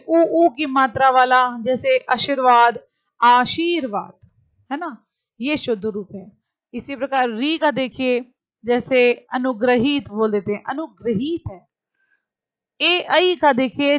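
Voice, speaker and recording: A woman's voice: high voice, no echo, lo-fi sound. A woman teacher giving a grammar lesson, explaining patiently and repeating each example word.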